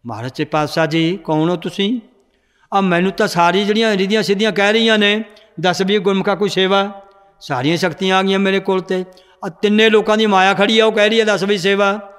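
A humble village peddler, as a male storyteller puts him on, answers in a plain and deferential way. The voice is high and smooth. A long hall reverb hangs behind each phrase. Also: fairly even intonation, a little fast, fairly bright tone. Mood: awed.

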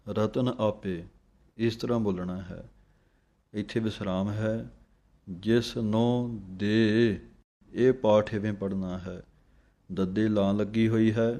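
Slow low-voiced man teaching recitation. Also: mellow. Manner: slow, measured, recites lines then explains; chants verses slowly and drawn out. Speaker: teacher of scripture pronunciation. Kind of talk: pronunciation lesson on recited scripture.

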